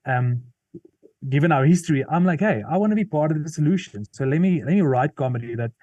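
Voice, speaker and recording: A South African man with an Afrikaans accent, a comedian and musician, earnestly and thoughtfully explains his views as an interview guest, restarting often and using fillers. His voice is a little high, expressive and fast with a dark tone, in a dry recording with the highs cut off.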